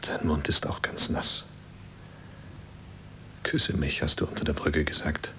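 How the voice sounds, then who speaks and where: A tender husband speaks to his sick wife in hushed tones in a German radio play. His voice is extremely low, with a faint rumble in the background. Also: completely flat delivery, measured pace. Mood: gentle. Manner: gentle, hushed, often whispered. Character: devoted husband caring for his dying wife.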